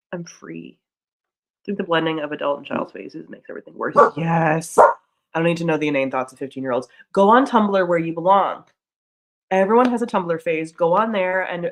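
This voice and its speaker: A woman in her thirties streaming casually, rambling through chat with lots of "like"s at a desk mic. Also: fairly low pitch. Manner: chatty and rambling, many "like"s.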